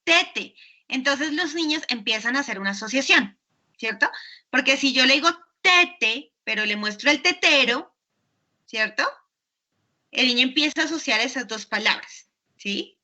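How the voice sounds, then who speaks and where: A woman's voice: high voice, animated, normal speed, sharp tone. A woman giving an online university class. She explains patiently and keeps checking in with her students. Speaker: university lecturer.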